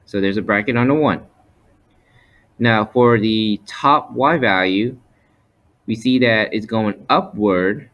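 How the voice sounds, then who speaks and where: A man's voice: fairly low pitch, a bit bright. A man teaching step by step as he narrates slides, methodical and explanatory, often restating his points. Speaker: math teacher. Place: voice-over for a screen recording.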